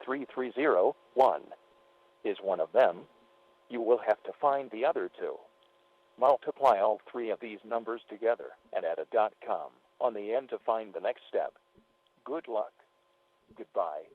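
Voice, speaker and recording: A man's recorded answering machine message, played over a phone line, giving slow, measured, formal instructions. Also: lowish voice. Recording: tinny phone line from far off.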